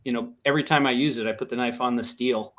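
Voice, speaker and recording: Brief: male co-host, casual anecdotal rambling, average pitch. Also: fairly even intonation, quick pace, a bit bright. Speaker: podcast co-host. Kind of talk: casual discussion.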